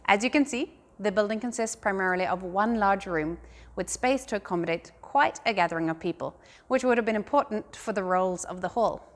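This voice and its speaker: A woman giving a scripted guided tour as a museum guide, explaining things in a calm, measured way. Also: mid-range voice.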